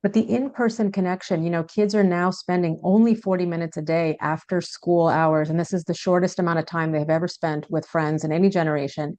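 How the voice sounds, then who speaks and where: Low-voiced woman panelist, dry sound. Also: a little mellow, no echo. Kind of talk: panel discussion.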